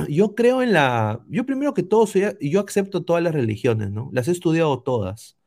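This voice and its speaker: A man's voice: a little high, very animated, normal speed, creaky, darkish tone. A man with a Peruvian Spanish accent, co-hosting a casual stream, reading chat and rambling with many restarts.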